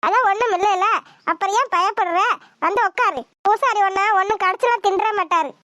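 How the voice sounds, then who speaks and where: A woman's voice: extremely high pitch, fairly quick, pushed and bright, no echo, clean studio sound. A woman voicing a fussing, bossy old village grandmother who scolds and wails in a cartoon. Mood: scolding. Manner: scolding, nagging, dramatic wailing.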